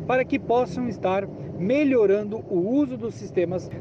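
Male farm advisor, high voice, formal explanatory delivery, clear vehicle noise outdoors. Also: moderate pace. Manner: formal, instructive. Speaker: agricultural extension specialist. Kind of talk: explanatory technical advice to farmers. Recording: dull lo-fi, clearly noisy with outdoor vehicle sounds.

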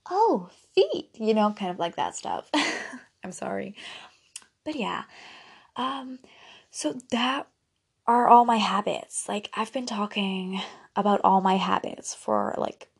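A young Dutch-speaking podcast host rambles through her routines in a casual solo chat, slipping into giggly asides. Her medium-pitched voice is expressive, gravelly with fry, husky and breathy, moving slowly with long pauses.

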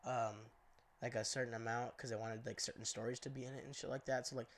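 A man's voice: medium pitch, flat delivery, quick pace. Young guy, stuffy nose, rambly and sweary, podcast chat, lots of likes. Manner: profane, rambling, lots of fillers. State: congested. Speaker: co-host.

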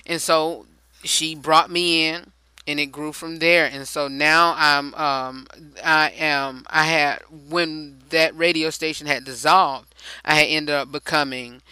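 Bright, crisp-voiced chatty male host. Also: fairly high pitch, fairly even intonation, takes it slowly, dry recording, low-quality recording. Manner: chatty and rambling, restarting sentences. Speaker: talk show host. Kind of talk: casual interview.

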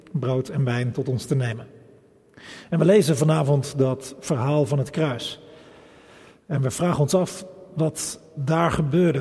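A man leading a service as pastor, first speaking plainly and then reading scripture aloud in a calm, measured way with occasional hesitations. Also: medium pitch, husky, in a large hall.

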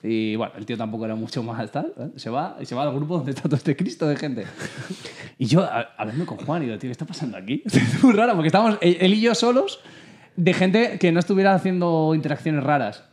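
Spanish guy rattling off a story fast, acts out the dialogue, laughs a lot. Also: a little high, animated, darkish tone. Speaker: podcast host. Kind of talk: casual chat, telling an anecdote.

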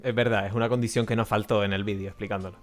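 A man's voice: fairly low pitch, fairly even intonation, rapid-fire. A man from hosting a casual live-streamed podcast, chatty and jokey, often restarting his sentences. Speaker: podcast host. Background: faint background music.

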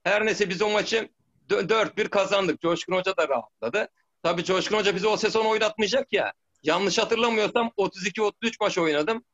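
High-pitched man telling old stories. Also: fairly quick, fairly bright tone, muffled recording. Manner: rambling, frequent restarts and "tamam mı?". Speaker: former footballer guest. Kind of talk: casual storytelling interview.

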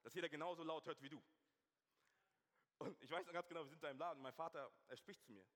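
Bright-voiced preacher in a church hall. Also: male voice, a little high, quick pace. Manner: swings from hushed intensity to loud animated storytelling. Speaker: pastor. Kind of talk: sermon. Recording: long church hall reverb.

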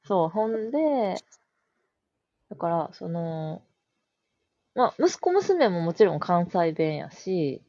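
A woman's voice: on the low side, big pitch swings, takes it slowly, long pauses, mellow, dry recording, dull audio. A woman with a Kansai Japanese accent, co-hosting a podcast in casual, chatty talk, laughing often. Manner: chatty, laughs often, quotes others in a raised voice. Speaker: podcast co-host. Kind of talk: casual chat.

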